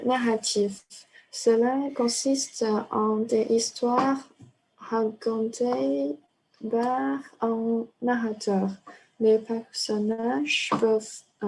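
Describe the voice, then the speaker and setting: Very slow, dark-voiced student reader. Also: female voice, on the high side, fairly even intonation, gravelly, slightly rough, poor audio. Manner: halting reading with fillers. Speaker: student reading aloud.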